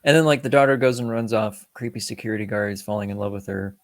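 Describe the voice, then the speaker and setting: A man with a lowish voice talks through a film in a loose, casual podcast chat. He is blunt and curses freely, dropping into quick impressions of the characters. The sound is close and dry. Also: no echo.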